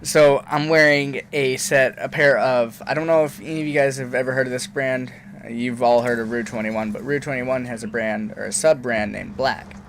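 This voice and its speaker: A man's voice: medium pitch, moderate pace, slight background noise. Rambling young man telling a story. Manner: animated, rambling, keeps asking "okay?". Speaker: vlogger. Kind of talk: casual storytelling vlog.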